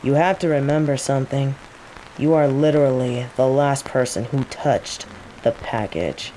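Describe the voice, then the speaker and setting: Over a constant patter of rain, a voice actress with a rumbling low voice plays a rival mage who teases and interrogates a prisoner. She speaks at normal speed with casual, coaxing menace that stays quietly threatening, in an intimate scripted roleplay captured on a rough recording.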